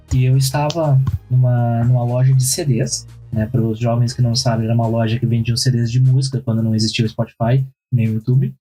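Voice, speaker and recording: Young guy on a podcast, dark slightly husky voice, faint music behind, talks things through. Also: mid-range voice, rough recording. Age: young adult. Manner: storytelling, reasoning out loud. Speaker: podcast co-host. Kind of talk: casual chat.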